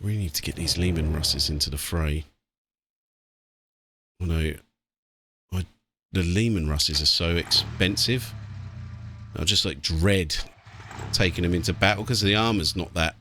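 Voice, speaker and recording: Unhurried and leaving long pauses, a British gaming host chats casually through a strategy game let's play, thinking aloud. His low voice is pushed and bright, with a little hiss or hum. Video game music and the sounds of artillery and vehicles fill the background.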